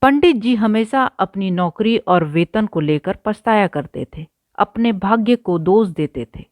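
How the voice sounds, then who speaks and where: A woman explains a grammar lesson at an unhurried pace, repeating words carefully for her pupils. Her voice sits in a middle pitch, and the recording is dry and close, with no room sound. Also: lively intonation, a little mellow, no echo. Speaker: Hindi teacher. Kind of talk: line-by-line textbook lesson.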